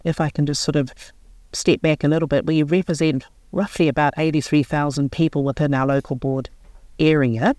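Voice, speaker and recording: In a radio interview, a sixty-ish local board chair from New Zealand talks in an unhurried, sincere manner, stopping now and then to find the right words. She has a deep, warm voice, with no echo on the recording.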